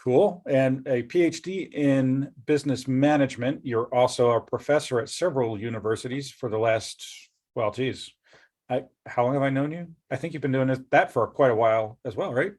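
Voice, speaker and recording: A middle-aged company executive hosts a casual interview, joking and upbeat as he rambles about his career. His voice is medium-pitched and darkish, at normal speed.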